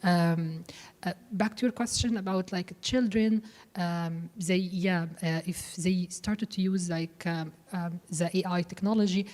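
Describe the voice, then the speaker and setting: A woman's voice: lowish voice, a little mellow. Hesitant woman in echoey hall. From Egypt. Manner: hesitant, many fillers and restarts. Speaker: panelist. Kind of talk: panel discussion. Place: expo hall panel. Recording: reverberant hall.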